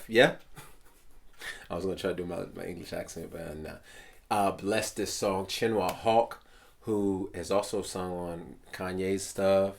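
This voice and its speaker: Playful low-voiced man reviewing his album. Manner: playful, animated, puts on voices. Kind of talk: casual talk to camera.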